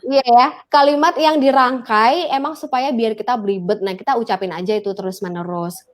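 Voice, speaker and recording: Young woman, Javanese accent, fairly high voice, speaking coach, casual talk show chat. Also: fairly even intonation, a little fast. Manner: explanatory, demonstrates vocal drills and newsreader delivery. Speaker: guest public speaking coach.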